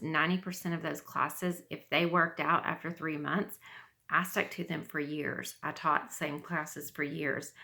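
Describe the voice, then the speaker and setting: A middle-aged woman speaks in a low register with a bright, firm edge. She is short of breath as she talks. Her delivery is casual and instructional, like a teacher addressing her students. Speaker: yoga teacher and teacher trainer. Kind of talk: casual instructional talk to camera.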